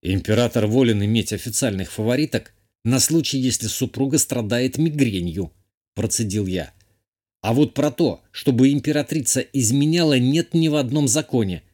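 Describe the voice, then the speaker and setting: A man playing a tense young male noble in an audiobook. He speaks in a measured way, holding back his anger. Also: medium pitch, mellow, natural voice. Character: tense young male noble hero, restrained but quick-tempered.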